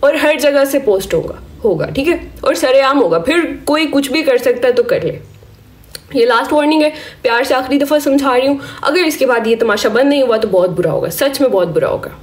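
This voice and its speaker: A woman with a hoarse, sore-throated voice delivering a stern warning rant to her live-stream viewers, scolding them and asking "okay?" after each point. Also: high voice, animated, fairly quick. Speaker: social media creator on a live stream.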